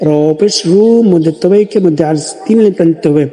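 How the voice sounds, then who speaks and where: A man teaching Quran recitation in a live online lesson, spelling out letters and vowel marks, then chanting each word slowly for his viewers to repeat. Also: sits high, mellow. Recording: long hall reverb with faint music.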